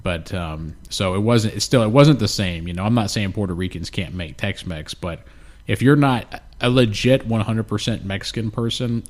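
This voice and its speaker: Sounding a bit snotty and nasal, a man with a lowish voice and moderate pace co-hosts a podcast, close to a studio mic with headphones. He rambles casually and profanely in a laid-back way.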